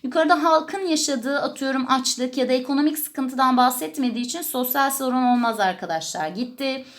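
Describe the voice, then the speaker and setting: A woman's voice: sits high, a little fast. A woman teacher walking students through exam questions, explaining step by step and answering her own questions. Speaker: history teacher. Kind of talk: exam question walkthrough lesson.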